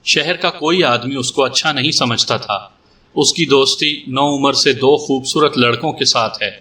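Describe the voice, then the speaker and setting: Man reading as a young woman, defiant, frank, bright tone, slightly distant mic, audiobook story. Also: mid-range voice, close to an everyday voice. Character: young woman giving a police statement, bold.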